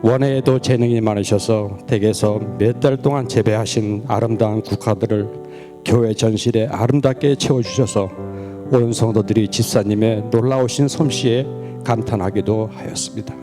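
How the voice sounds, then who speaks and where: Clear instrumental music plays behind a man with a fairly low voice. He reads a formal eulogy from a script, solemn and measured throughout. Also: fairly even intonation. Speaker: congregant reading a eulogy.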